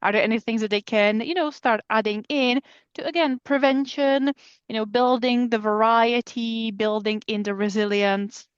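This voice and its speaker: A woman's voice: on the high side, steady tone, normal speed, clean tone, dry recording, dull audio. A woman from the Republic, co-hosting a podcast and asking questions while thinking aloud. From Czech Republic. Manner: searching, thinks aloud with fillers. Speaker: podcast co-host. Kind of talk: casual interview questions.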